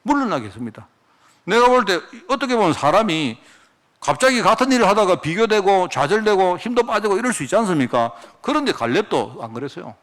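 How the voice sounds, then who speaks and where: A man's voice: high-pitched, very animated, brisk, fairly bright tone. A male pastor preaching a sermon, firing off rhetorical questions as he goes.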